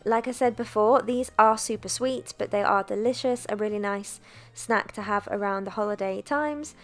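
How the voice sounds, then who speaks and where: A young woman narrating a cooking video in a chatty, relaxed voice-over, with self-deprecating asides. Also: mid-range voice, normal speed, soft background music. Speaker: cooking vlogger.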